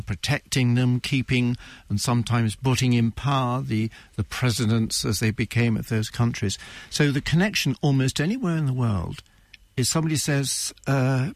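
A man's voice: mid-range voice, no echo. A British man giving conversational expert commentary in a radio interview, often putting rhetorical questions. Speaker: defence analyst.

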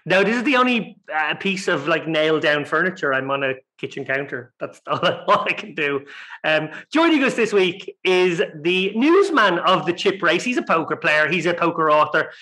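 A man's voice: on the high side, sing-song, normal speed, bright, forceful tone. A man hosting a podcast in an upbeat, playful way, with the big echo of a large empty tiled room. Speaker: podcast host.

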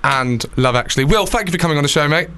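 A young man hosting a podcast in casual chat, joking and self-deprecating with quick asides. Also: a little high, lively intonation, crowd noise. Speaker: podcast host.

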